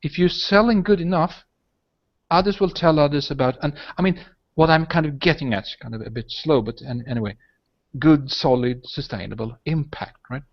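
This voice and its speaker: A man whose first language is Swedish hosts a casual video hangout chat, rambling and tagging his points with "right?" and "I mean". His voice is a little high and runs at normal speed. It's lo-fi audio captured over a video call.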